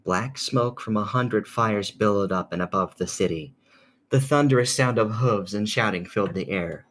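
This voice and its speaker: A man narrating a second-person audio fanfic in a calm, measured reading. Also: on the low side.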